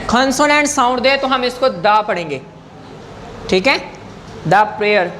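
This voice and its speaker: A man's voice: very high voice, pushed and bright, a little hiss or hum. A man teaching an English grammar lesson in class, patient and coaxing, often checking whether students follow.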